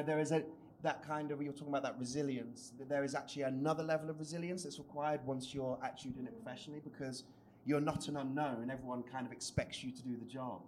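A man's voice: mid-range voice, slight background noise. A man on a writers' panel, talking thoughtfully with self-mocking asides. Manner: reflective, self-mocking, rhetorical "do you know what I mean". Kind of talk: live panel discussion.

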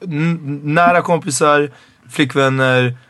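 A man hosting a podcast, telling stories in an animated, casual way. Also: a little high. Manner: animated storyteller, acts out how friends mimic him. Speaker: podcast host.

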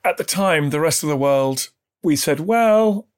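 A man's voice: on the high side, lively intonation, measured pace. A man interviewing a guest, asking polite and encouraging questions.

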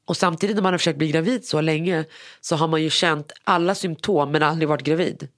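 A woman's voice: low-pitched, steady tone, dry recording, clean studio sound. A woman in her thirties frankly telling her own story, often acting out the lines of the people in it. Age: 30s. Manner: frank, emotional, acts out quoted dialogue. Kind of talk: personal storytelling. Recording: music playing underneath.

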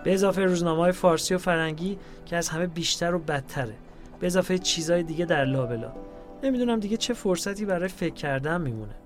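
A man narrating a diary in a calm, measured reading voice. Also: a little high.

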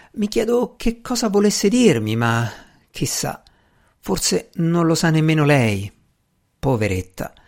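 A man voicing a good-natured young woman in an audiobook, earnest and a little teasing. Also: medium pitch. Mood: pitying.

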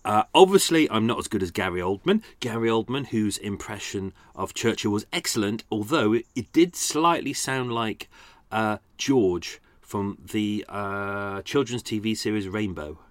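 A man with a fairly low, animated voice hosts a podcast at a normal speed, with no echo. He chats casually and often laughs, teasing himself in a self-deprecating way.

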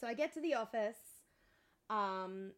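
An Australian woman co-hosting a podcast, hoarse and congested with a cold, telling frank, sweary, self-mocking anecdotes in casual chat. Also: medium pitch, animated, unhurried, a bit bright. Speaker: podcast co-host.

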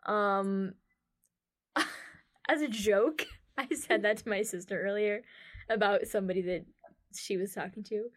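A woman co-hosting a podcast in casual chat, animated and playful, often laughing. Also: mid-range voice, measured pace, pauses often. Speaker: podcast co-host.

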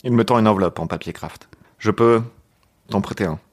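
A man's voice: fairly low pitch, a little fast. A French man co-hosting a podcast, reading a novel aloud in a mock-dramatic way with joking asides.

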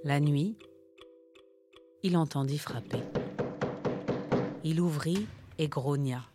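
A woman narrating a children's story in a slow, expressive way. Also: deep voice, loud music behind the voice.

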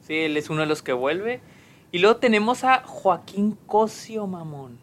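A man's voice: high voice, expressive, normal speed, slight background noise. A man co-hosting a podcast in casual chat, teasing and chuckling between remarks. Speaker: podcast co-host.

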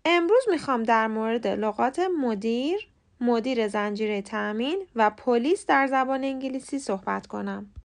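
A woman who speaks Persian as her first language hosts a podcast lesson, explaining calmly and clearly and saying model words slowly. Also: fairly high pitch. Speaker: podcast host teaching English pronunciation.

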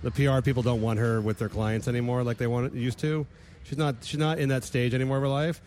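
A man co-hosting a casual comedic chat, animated and laughing often. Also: mid-range voice, fast talker, slight background noise. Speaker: podcast co-host.

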